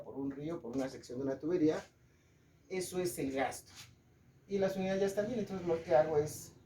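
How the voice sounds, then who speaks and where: Mexican guy teaching physics, mellow kinda high voice, keeps asking "ok?", echoey classroom sound. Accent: Mexican Spanish. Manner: explains step by step, checks in with "¿ok?". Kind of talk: classroom lecture. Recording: echoey room.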